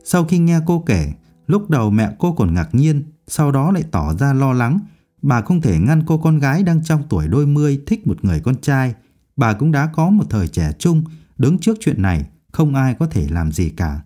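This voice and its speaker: A man narrating a novel audiobook in an expressive, measured reading. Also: medium pitch, faint music behind.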